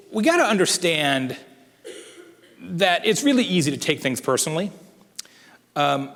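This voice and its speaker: A man delivering a conference keynote with animated, emphatic, conversational energy. His voice sits a little high for a man, and it carries through a large hall with a long echo. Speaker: keynote speaker. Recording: echoey hall.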